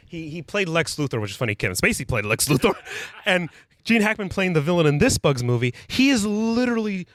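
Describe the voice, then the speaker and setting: A man's voice: sits high, fairly quick, dry recording. A man co-hosting a podcast in casual chat, telling stories with animation and acting out quotes. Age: adult with young kids. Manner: animated storytelling, acts out quotes. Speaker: podcast co-host.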